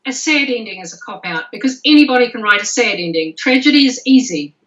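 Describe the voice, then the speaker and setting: A woman with a New Zealand accent, a guest author chatting casually, animated and quick to laugh, often restarting her phrases. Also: a little high, echoey room, highs cut off. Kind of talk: casual video chat.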